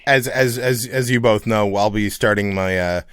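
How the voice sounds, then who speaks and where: A man's voice: lowish voice, moderate pace, fairly bright tone, clear, resonant tone, dry recording. Male co-host, 30s, dry close sound, rambling and profane, lots of false starts. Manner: rambling, profane, many restarts. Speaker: podcast co-host. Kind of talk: casual chat.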